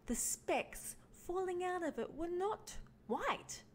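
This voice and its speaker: A woman reading a children's picture book aloud as a teaching artist, with expressive emphasis for young listeners. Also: very high-pitched, takes it slowly, slight background noise. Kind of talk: animated children's storybook read-along.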